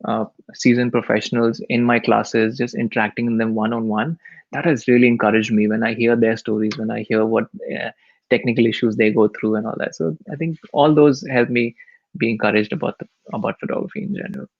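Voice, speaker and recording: A man's voice: mid-range voice, steady tone, brisk, creaky, dry recording, muffled recording. A man with an Indian accent speaking casually and candidly as a guest on a live stream, self-effacing in manner. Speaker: photographer and teacher, webinar guest.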